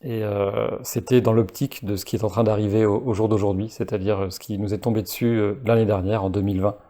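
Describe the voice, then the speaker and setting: Man, spiritual monologue; low, dark, hesitant delivery with frequent restarts. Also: steady tone. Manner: halting, many fillers and restarts; reads a text slowly, then talks freely. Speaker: spiritual video maker.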